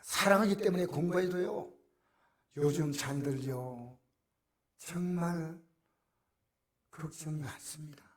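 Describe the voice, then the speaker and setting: A middle-aged male pastor, preaching a sermon that swings from hushed near-whispers to loud exclamations. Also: fairly high pitch, takes it slowly, long pauses.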